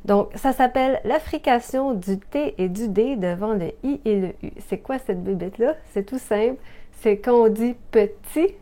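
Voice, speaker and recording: A woman's voice: fairly high pitch, normal speed, mellow. A woman from Canada with a Québécois accent, patiently explaining pronunciation in a language lesson and repeating her examples. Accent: Québécois French. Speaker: language video presenter.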